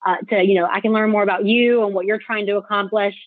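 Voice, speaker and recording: A woman's voice: medium pitch, fairly even intonation, fast talker, dry recording. Woman presenting over a tinny phone-like line. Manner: conversational, addresses listeners directly. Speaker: financial advisor presenting a webinar. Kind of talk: informal webinar presentation.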